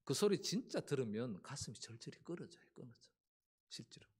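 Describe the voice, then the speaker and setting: A male pastor delivering a Sunday sermon, telling the story with acted voices and animated delivery. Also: medium pitch, fairly quick, breathy edge.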